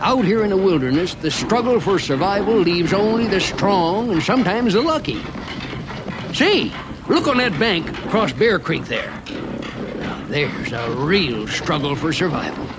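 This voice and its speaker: A chatty frontier train guide with a rural Western American drawl. His voice sits high and swings freely up and down as he narrates a park ride with homespun, wry humor. Clear noise of the ride and animals runs behind him. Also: animated, a little slow. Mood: folksy, wry. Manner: drawling, folksy dialect with chuckles. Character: folksy old-west mining train guide, chatty and wry.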